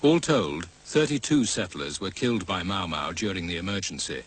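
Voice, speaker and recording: A man giving measured, serious scripted documentary narration. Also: low voice, expressive, husky, rough recording.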